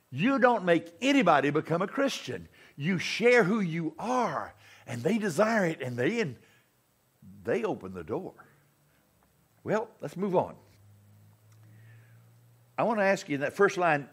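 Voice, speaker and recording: A man's voice: fairly high pitch, slightly rough. An older man preaching a sermon as pastor, telling stories and acting out the people in them. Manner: animated storytelling, acting out other voices.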